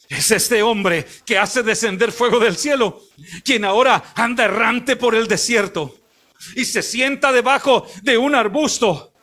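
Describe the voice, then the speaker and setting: A male missionary preacher with a strikingly high, bright voice. He delivers his sermon emphatically, rising to shouts and chuckling along with the congregation.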